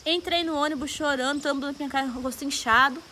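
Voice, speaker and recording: A woman's voice: high voice, fairly even intonation, quick pace, sharp tone, a little hiss or hum. A young woman with a Brazilian Portuguese accent gives an emotional personal testimony to a congregation, telling her story with animation and acting out the voices and prayers she quotes. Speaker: church testimony speaker.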